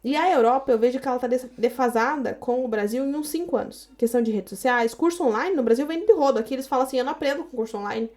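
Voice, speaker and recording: A woman's voice: sits high, fast talker, few pauses, darkish tone. A Brazilian woman in her thirties, a podcast guest telling her story casually and animatedly, acting out the dialogue she quotes. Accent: Brazilian Portuguese.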